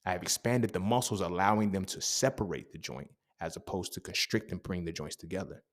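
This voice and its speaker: A young podcast host with a low-pitched voice talks a little fast in a casual motivational monologue. He's emphatic and profane and keeps checking in with his listener by asking "you feel me?".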